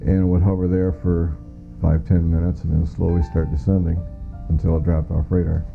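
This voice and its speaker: Faint music sits behind this interview, where a low-pitched, middle-aged American man who once worked as an air traffic controller recounts what he witnessed. He speaks at normal speed in a level tone with vocal fry, plainly and matter-of-factly, in muffled lo-fi audio.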